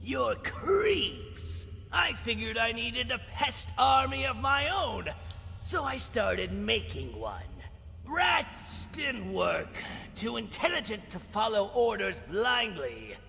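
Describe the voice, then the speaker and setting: An actor playing a vengeful undead skeleton boss in a video game, gloating with slow, theatrical villain menace. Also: male voice, very high-pitched, very animated, vocal fry, bright, forceful tone, exaggerated voice. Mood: smug menace. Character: vengeful undead skeleton crime boss, evil twin brother. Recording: long cavernous reverb, game music underneath.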